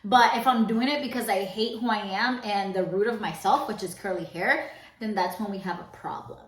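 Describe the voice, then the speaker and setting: A woman's voice: medium pitch, reverberant. A young woman from Cuba, a podcast co-host, telling a personal story in a casual, candid vlog. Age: young adult. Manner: chatty and candid, switches between quick and slow emphatic phrasing.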